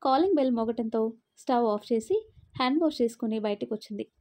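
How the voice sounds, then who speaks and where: Woman storyteller for a serialized family tale, higher pitch, mellow tone. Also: lively intonation, brisk.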